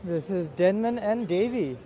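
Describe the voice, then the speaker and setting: Slow, mellow man vlogging outdoors. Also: high-pitched, lively intonation, a little hiss or hum. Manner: unhurried, observational, speaking in short phrases. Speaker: live-streaming vlogger. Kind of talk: casual walking commentary. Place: outdoors at a busy beach and streets. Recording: outdoor crowd and street bustle. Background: crowd.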